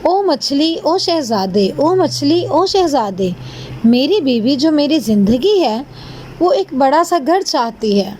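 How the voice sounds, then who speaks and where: A woman voicing a poor, humble fisherman who calls out loudly to a magic fish in a storybook tale. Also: high voice, very animated, a little hiss or hum. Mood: pleading call. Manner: calling out loudly over the sea.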